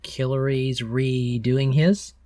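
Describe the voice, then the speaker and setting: A man's voice: mid-range voice, steady tone, takes it slowly, warm tone, dry recording. A man acting as game master, casually refereeing a tabletop game.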